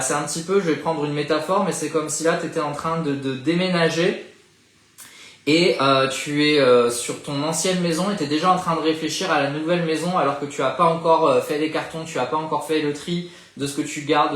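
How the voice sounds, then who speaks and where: A man giving a live oracle card reading, speaking gently and encouragingly to the listener and often pausing to search for words. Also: a little high, reverberant. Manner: thinks aloud with frequent hesitations. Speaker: spiritual card reader.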